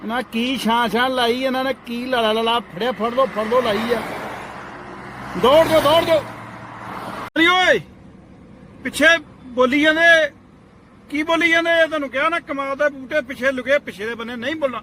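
A man, scolding and threatening people away from his sugarcane field in a comic roadside rant, shouting repeated commands. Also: extremely high pitch, fairly quick. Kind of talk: comic outdoor rant to camera. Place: outdoors by a road near fields. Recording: noisy outdoor roadside recording.

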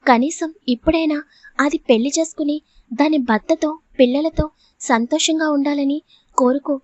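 A woman's voice: sits high, normal speed, a little mellow, no echo, lightly acted. A woman reading the part of a grieving, protective elderly grandmother who scolds and pleads tearfully in a storybook reading. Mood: pleading. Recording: dull lo-fi audio.

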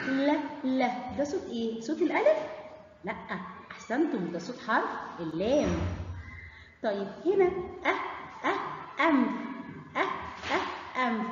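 A woman's voice: high-pitched, darkish tone. A woman with an Egyptian Arabic accent teaching children a letter of the alphabet, drawing out syllables and praising them. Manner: drawn-out syllables, cheerful praise to kids. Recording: echoey, dull, lightly noisy room.

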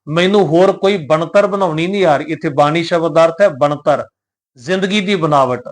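A man giving a devotional lesson, explaining scripture pronunciation in a measured way and often asking the listeners questions. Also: sits high, fairly bright tone. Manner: addresses the congregation, poses rhetorical questions. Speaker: Gurbani pronunciation teacher. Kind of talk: devotional teaching talk.

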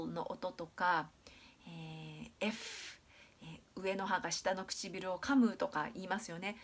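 English pronunciation is taught in this video by a Japanese woman with a mid-range voice. She works slowly, patiently and clearly through sound demonstrations, often using long fillers.

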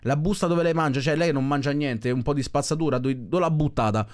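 A man's voice: a little high, fairly quick, a little mellow. A man giving casual, skeptical commentary on a video, rambling with restarts. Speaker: reaction video host.

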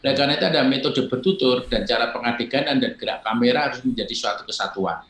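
Older male director, calm explainer, mid-pitched, roomy sound. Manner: measured, explanatory, acts out quoted exchanges. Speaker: film director, guest. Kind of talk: reflective interview answers. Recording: roomy echo.

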